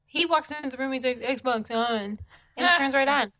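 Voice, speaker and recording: Joking bright-voiced woman co-host. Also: high voice, quick pace. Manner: joking, exasperated banter. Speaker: podcast co-host. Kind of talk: casual chat.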